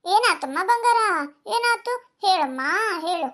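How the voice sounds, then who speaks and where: A woman's voice: extremely high pitch, animated, unhurried. A woman voicing a fiery, protective village mother in a cartoon, scolding and threatening with a North Karnataka accent. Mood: soothing. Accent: North Karnataka Kannada.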